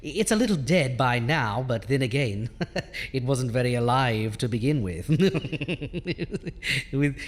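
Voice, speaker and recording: A man's voice: mid-range voice, expressive, slow pace. A man playing a bumbling, flustered ghoulish doctor who hosts a horror show, hammy and stammering, in a comic radio drama. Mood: flustered, giddy.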